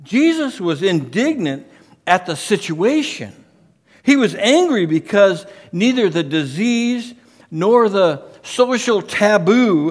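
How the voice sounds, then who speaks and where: A man's voice: high-pitched, big-room sound. A man preaching a sermon as pastor, emphatic and conversational, often repeating his phrases for stress. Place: church sanctuary.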